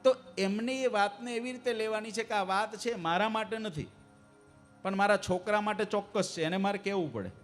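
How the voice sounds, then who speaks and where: A man preaching a devotional sermon to a live assembly, asking the audience questions and urging them to answer louder. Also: high-pitched, fairly quick, faint music behind. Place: temple assembly hall.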